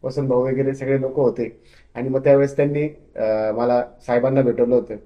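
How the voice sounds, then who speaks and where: A man's voice: mid-range voice, flat delivery, fairly quick, roomy sound, lo-fi sound. A young man from Maharashtra, a party worker, answering interview questions earnestly, with hesitant restarts.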